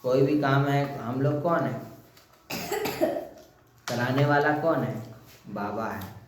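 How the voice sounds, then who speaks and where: A man's voice: mid-range voice, fairly even intonation, slow. Echoey male spiritual teacher. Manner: asks questions and answers them himself. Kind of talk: explaining a daily spiritual lesson. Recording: very echoey room, faint noise.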